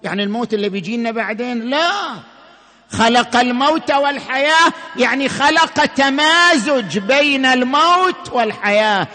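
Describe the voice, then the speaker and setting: A man's voice: extremely high pitch, normal speed, pushed and bright. A man giving a religious lecture, explaining step by step and answering his own questions. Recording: long hall reverb.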